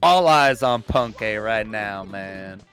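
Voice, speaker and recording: Chill young guy calling a speedrun, slangy and rambly, bright voice, slow talker. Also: on the low side, animated, soft background music. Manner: laid-back, slangy, rambling. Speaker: speedrun commentator. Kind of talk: casual live game commentary.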